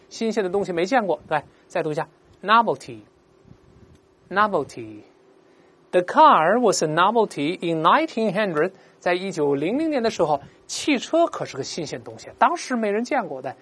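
Lively, husky woman teaching vocabulary. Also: low-pitched. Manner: explains patiently, slowly models pronunciations for repeating; asks "right?" often. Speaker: English teacher. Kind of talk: vocabulary lesson.

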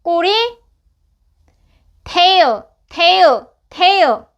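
Woman, beginner phonics lesson, repeats each word thrice, very slow pace, high pitch. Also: expressive, lo-fi sound. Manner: repeats each English word three times, then gives its meaning. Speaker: English phonics teacher.

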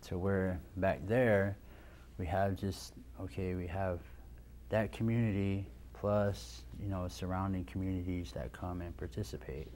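A guest on a TV studio talk show, this Nebraska dance instructor in his thirties talks in a low, steady, slightly slow and slightly mellow voice. He's relaxed and rambling on a lapel mic, with many restarts and "you know." A little hiss or hum comes through.

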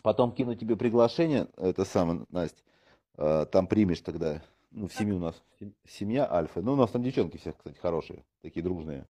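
A man's voice: deep voice, lively intonation, a little fast, warm tone. A man recruiting online hosts in a casual chat, rambling with lots of fillers and joking asides.

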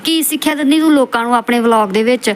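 Scornful fast-talking woman roaster. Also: on the high side. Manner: scornful, insulting, lecturing. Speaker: roast channel host. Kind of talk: scolding roast commentary over clips.

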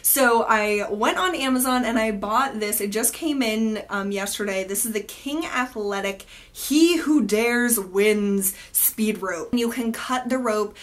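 A woman's voice: on the high side, measured pace, hardly any pauses. A young woman from the United States chatting casually through a beauty product review, sounding nasal and stuffed up from allergies, with lots of fillers. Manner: chatty, upbeat, many fillers and likes. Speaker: beauty vlogger.

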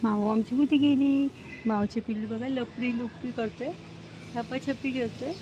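A woman's voice: on the high side, fairly even intonation, moderate pace, muffled recording, noisy background. A woman hosting a casual live stream at home, cooing baby talk to her cat and dog and scolding them sharply. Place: outdoors at home near a gate.

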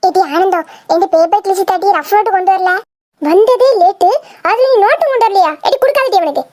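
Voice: fast, darkish tone, dry recording, clean studio sound. A voice actor playing a group of cheeky village schoolchildren in a cartoon, squabbling and teasing. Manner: teasing, squabbling, shrill giggling. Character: chattering village schoolkids, boys and girls, cheeky. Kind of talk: cartoon voice acting.

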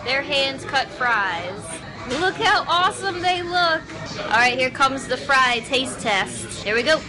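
A young adult woman filming a taste test in a restaurant, talking to camera in an excited, gushing way. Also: high-pitched, slow, over music, a crowd in the background. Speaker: food reviewer host. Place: busy restaurant.

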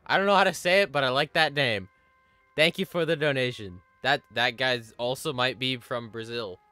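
Male game streamer, bright sharp voice, excitable, laughs and swears while thanking donors. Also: medium pitch, normal speed, dry recording, soft background music. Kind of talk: live gaming stream chat.

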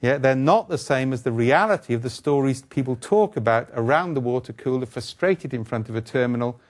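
Brisk, wry older man giving a keynote. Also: medium pitch, animated. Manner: brisk, wry and blunt, with asides and rhetorical questions. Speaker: keynote speaker. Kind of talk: conference keynote lecture. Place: conference stage, indoors.

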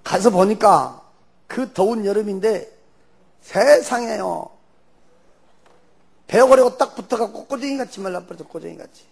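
Gravelly older man, Jeolla accent. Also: high-pitched, normal speed, long pauses. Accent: Jeolla Korean. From Jeolla region, Korea. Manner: animated storyteller, loose and folksy. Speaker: church elder giving testimony. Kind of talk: personal testimony storytelling.

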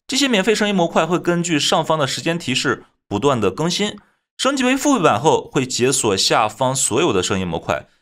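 A man narrating a scripted software tutorial as its host, explaining things step by step. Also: a little high, wildly swooping pitch, brisk.

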